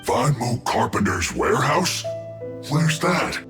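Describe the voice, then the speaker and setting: A man's voice: medium pitch, sing-song, slow pace, reverberant, music in the background. An actor voicing a defeated, harmless male enemy soldier in an anime game, indignant and protesting. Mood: indignant, sheepish. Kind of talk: anime video game voice acting.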